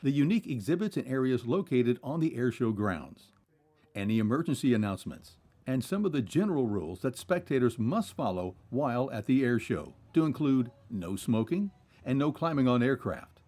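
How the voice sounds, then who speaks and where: A man's voice: medium pitch, very animated, moderate pace, a little mellow. A man reading scripted documentary narration in a polished, explanatory way.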